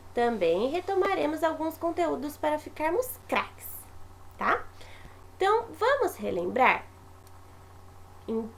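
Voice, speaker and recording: A woman teacher with a high voice talks her young pupils through a home lesson. She explains patiently and step by step, and her tone has a gravelly fry at the edges. A faint hiss sits under her voice.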